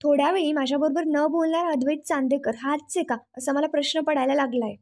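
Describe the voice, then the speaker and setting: A woman voicing a sharp-tongued young woman who mocks and needles her companion. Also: sits high, steady tone, quick pace. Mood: mocking. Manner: mocking, needling.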